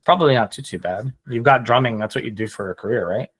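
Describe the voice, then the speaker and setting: A man's voice: medium pitch, fast, fairly bright tone, slightly rough. A man explaining things in casual conversation like a teacher, hesitantly thinking aloud.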